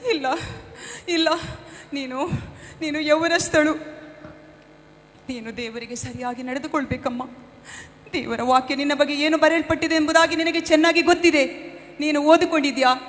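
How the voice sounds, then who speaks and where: Lady doing a churchy mom who wails and preaches, high voice, big echoey hall. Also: normal speed, long pauses, a bit bright. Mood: admonishing. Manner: wailing laments, then preachy admonishing. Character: devout anguished mother scolding her daughter. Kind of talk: amateur church stage skit. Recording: echoey hall, stage mic.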